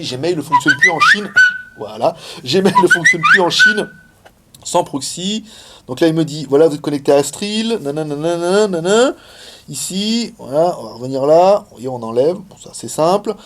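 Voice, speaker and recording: A man's voice: fairly high pitch, a little mellow, slight background noise. A man giving a casual, chatty hands-on demo of a gadget, with many fillers and laughs. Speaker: tech reviewer. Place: indoors, filming in China.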